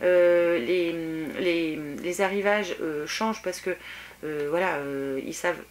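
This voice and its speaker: A woman's voice: lowish voice, steady tone, takes it slowly. A French woman vlogging a casual makeup review, chatty and hesitant with many fillers, eager about the products. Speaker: beauty vlogger.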